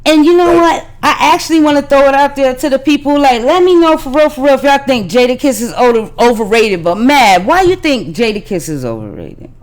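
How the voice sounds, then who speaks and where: A woman's voice: sits high, fairly quick, few pauses. A woman co-hosting a podcast in casual, heated chat, arguing in profane slang. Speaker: podcast co-host.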